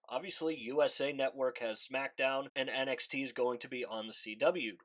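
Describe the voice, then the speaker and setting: A wrestling commentary YouTuber with a fairly high, fairly bright voice sounds congested from allergies as he talks through his predictions in a casual solo video. Speculative and conversational, he thinks aloud, often repeating himself and leaning on "I think" and "again."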